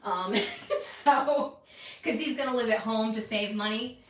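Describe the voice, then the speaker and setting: A woman vlogs casually while making a scrapbook page, rambling and poking fun at herself, hiccuping as she goes. Her voice is a little high and unhurried, picked up from a distance in an echoey room.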